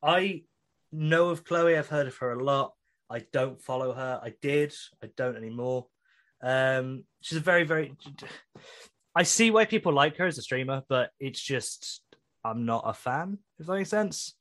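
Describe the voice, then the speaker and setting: Blunt, animated young British man. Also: medium pitch, normal speed. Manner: animated, blunt, swears when joking. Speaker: podcast host. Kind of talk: casual podcast chat.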